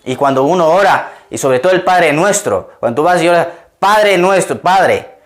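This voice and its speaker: A man's voice: on the high side, a little fast. Male pastor, conversational sermon, quizzes the congregation. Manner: conversational, asks the congregation questions; laughs often while telling stories.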